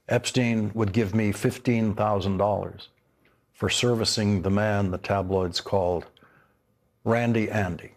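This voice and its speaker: An older man delivering scripted news commentary as an anchor, emphatic and indignant with deliberate phrasing. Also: on the low side.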